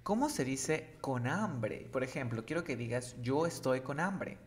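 A man teaching an English lesson, coaxing a student and drilling words slowly with exaggerated English sounds. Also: mid-range voice, animated, noisy background.

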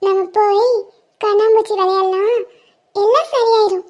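A woman voicing a sweet little girl who softly comforts a crying friend in a cartoon. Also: extremely high pitch, fairly even intonation, normal speed. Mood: tender, comforting. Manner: soft, coaxing. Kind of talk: animated cartoon voice acting. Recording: dull lo-fi sound.

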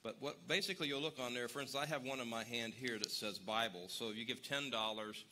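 A man's voice: medium pitch, quick pace, sharp tone, a little hiss or hum. A man giving casual announcements at a church service, chatty and rambling, joking with the congregation.

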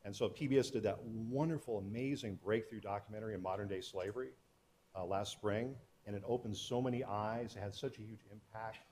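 A man's voice: lowish voice, steady tone, a little fast, a little mellow, slight background noise. A middle-aged man, a historian and author, giving an earnest public talk to an audience, telling stories with frequent restarts.

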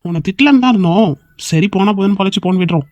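A man doing a high-voiced mocking cartoon buddy. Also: very fast, a little mellow, no room sound, close to an everyday voice. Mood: ribbing. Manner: ribbing, scolding friend. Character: young male buddy, mocking and blunt. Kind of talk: cartoon skit voice acting.

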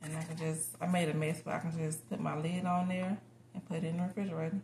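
In a home kitchen, an American woman who vlogs about cooking chats casually and candidly with viewers while she cooks. Her voice sits low with little pitch movement, and she talks fast. The roomy kitchen carries noticeable background noise.

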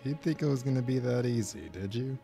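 A man co-hosting a game playthrough, cracking dark jokes casually. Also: mid-range voice, a little fast, gravelly, faint music behind. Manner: wisecracking, animated. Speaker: gaming co-host. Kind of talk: casual gameplay chat.

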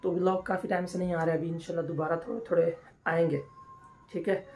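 Over soft background music, a young Pakistani vlogger talks quickly in a slightly high, darkish voice with little pitch movement. Easygoing and chatty, he addresses viewers as "brother" while making a shake at home and then waiting at a drive-through in a car. It was filmed with a noisy handheld phone.

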